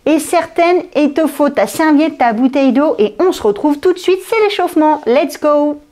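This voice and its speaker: A woman's voice: sits high, animated, normal speed, dark tone. A woman fitness coach with a slight accent, talking the viewer through a workout in an upbeat, directive way. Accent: slight foreign accent. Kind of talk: workout instruction.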